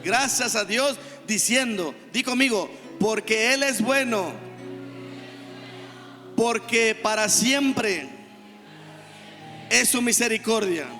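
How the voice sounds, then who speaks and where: A male pastor with a Mexican Spanish accent preaches in a high, bright, ringing voice that bursts into shouts. He leads the congregation to repeat his words, and his voice carries a long church-hall reverb with music playing underneath. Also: slow, pauses often. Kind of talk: sermon.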